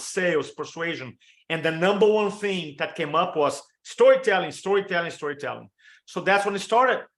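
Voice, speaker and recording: A slightly bright, fairly high voice belongs to a Brazilian Portuguese-accented man in his fifties coaching a webinar audience on storytelling via video call. He's full of energy and strings together lists of examples as a motivational speaker.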